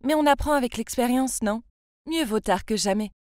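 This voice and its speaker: A young woman from France narrates her own story in a confiding, chatty tone. Her voice sits fairly high and sounds close and dry, with no room around it. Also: normal speed, a little mellow, dry recording. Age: 20s. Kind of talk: scripted first-person story narration.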